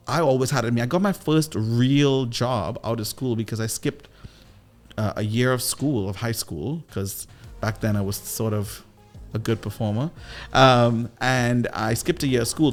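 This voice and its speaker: A man with a Trinidadian accent from Trinidad and Tobago, a guest entrepreneur and business coach telling playful, animated stories in a casual interview. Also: medium pitch, normal speed, faint music behind. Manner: animated, playful, with lively voiced asides.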